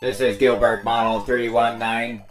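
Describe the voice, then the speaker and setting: An actor playing a literal-minded robotic alien pilot who speaks flat and repetitive through a static-filled line. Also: male voice, medium pitch, unhurried, echoey room, over loud music, natural voice. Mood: mechanical.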